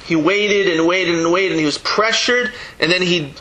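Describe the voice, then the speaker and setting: A man's voice: high-pitched, sharp tone, slight background noise, low-quality recording. A man teaching a Torah class, reading verses aloud and explaining them with frequent restarts. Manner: halting, restarts, reads Hebrew verses then translates. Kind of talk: verse-by-verse text study lesson.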